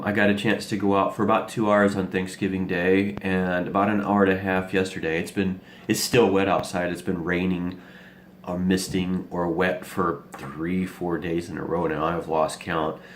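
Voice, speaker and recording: A man with a low-sitting voice chats and thinks aloud while digging in a muddy field, vlogging his metal detecting finds. There's a little hiss or hum on the recording.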